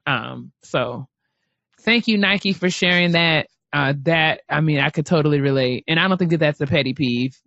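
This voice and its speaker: A woman co-hosting a casual podcast, talking in an animated way and repeating phrases as she builds a point. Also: deep voice, moderate pace, no echo, muffled recording. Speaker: podcast co-host.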